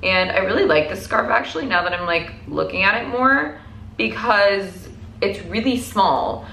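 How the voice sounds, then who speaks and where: A woman's voice: medium pitch, expressive, moderate pace, creaky, sharp tone. Young woman vlogging in an echoey room. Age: young adult. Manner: rambling, peppered with "like". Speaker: lifestyle vlogger. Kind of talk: casual chatty vlog to camera. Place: indoors at home, mostly a living room or bedroom. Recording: echoey room with faint noise.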